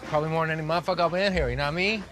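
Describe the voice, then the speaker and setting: An actor playing a boastful wannabe rapper who talks in put-on slangy swagger. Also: male voice, fairly high pitch, rapid-fire, a bit bright, soft background music, close to an everyday voice. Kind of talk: mockumentary sitcom acting.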